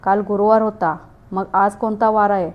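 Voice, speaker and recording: A woman's voice: mid-range voice, fairly even intonation, moderate pace, lo-fi sound, lightly acted. A woman reading the lines of a harsh, abusive male police officer in a storybook tale, keeping her own voice. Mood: scolding. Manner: rough, scolding.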